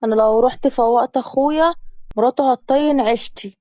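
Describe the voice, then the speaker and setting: A woman's voice: high-pitched, a little fast, warm tone, no room sound, muffled recording, natural voice. A woman with an Egyptian accent voicing a frightened young village woman who frets with constant exclamations. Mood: fretful. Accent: Egyptian Arabic. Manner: fretful exclamations.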